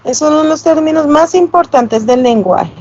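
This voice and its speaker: A woman's voice: high-pitched, moderate pace, a little mellow. A woman giving an online lecture, explaining step by step and checking in with tag questions. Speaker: teacher. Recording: slightly dull, lo-fi sound.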